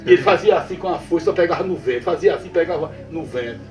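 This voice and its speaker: A man with a Northeastern Brazilian accent tells a backlands ghost tale in a rather high voice, going back over his own phrases and checking in with his listener. He sounds a little far from the mic in a roomy space, with faint music underneath. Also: fast. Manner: repetitive, checks in with the listener often. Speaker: storyteller. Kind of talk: spoken folk tale told to a listener.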